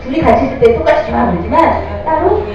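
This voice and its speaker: A woman's voice: sits high, fast talker, crowd noise. Middle-aged woman lecturing in an echoey hall. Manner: lively, addresses audience with questions. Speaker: parenting lecturer. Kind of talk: parenting lecture to an audience. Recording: distant mic, dull lo-fi sound, echoey hall, noisy.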